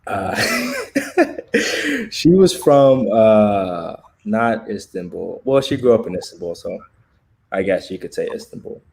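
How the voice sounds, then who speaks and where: A man's voice: lowish voice, big pitch swings, slow pace, creaky, pauses often, a little mellow, a little hiss or hum. An American man hosting a casual livestream chat, laid-back and laughing often, talking in loose slang. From United States. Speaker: livestream host.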